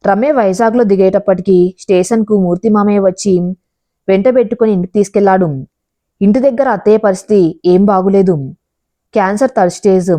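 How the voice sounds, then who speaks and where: A woman narrating a family drama story, reading every character's lines herself and slowing down for emphasis. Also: mid-range voice, mellow. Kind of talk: storytelling narration with voiced dialogue.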